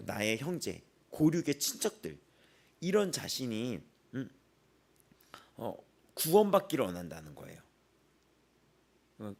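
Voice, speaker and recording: A man preaching at an early-morning prayer service in a chatty, storytelling way. His pitch is mid-range but moves around a lot. He keeps turning to the listeners with questions. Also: a little mellow. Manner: chatty, asks the congregation frequent rhetorical questions; retells stories with repetitive, emphatic phrasing. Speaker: pastor. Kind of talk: conversational sermon at a dawn prayer service.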